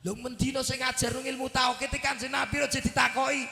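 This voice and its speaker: High gravelly javanese preacher guy, joking around, loud echoey PA. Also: quick pace. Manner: animated, joking, shouting punchlines. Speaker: Islamic preacher. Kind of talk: village sermon. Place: outdoor village gathering.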